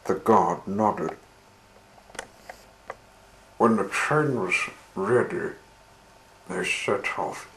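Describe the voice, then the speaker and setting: A man reading a children's train story aloud in an unhurried, gentle storytelling manner. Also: lowish voice. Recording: roomy with faint hiss.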